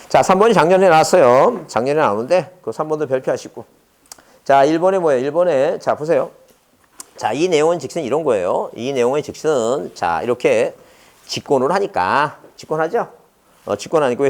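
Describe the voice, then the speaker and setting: A man's voice: mid-range voice, a little mellow. A man lecturing a law exam class, firing rhetorical questions and answering them himself while repeating key terms.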